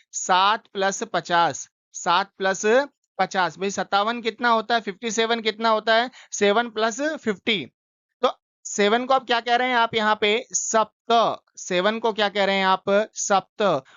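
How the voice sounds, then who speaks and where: A man's voice: sits high, fairly bright tone, clean tone, no room sound, highs cut off. A man teaching Sanskrit numbers, asking questions and answering them himself, repeating each word for pupils to follow. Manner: slow, deliberate recitation. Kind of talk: classroom lesson, drilling numbers.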